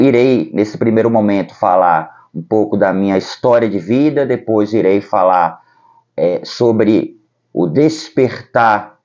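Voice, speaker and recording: Man, Brazilian accent, priest giving personal testimony, low mellow voice, dull lo-fi sound. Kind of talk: personal vocation testimony to camera. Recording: dull lo-fi recording.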